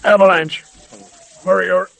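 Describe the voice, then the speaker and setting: A man's voice: sits high, fairly even intonation, normal speed, gravelly, fairly bright tone, no echo, heavily acted, poor audio. An actor playing a desperate, exhausted male survivor, gasping, in a 1930s radio drama. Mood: desperate, spent. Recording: vintage 1930s radio recording.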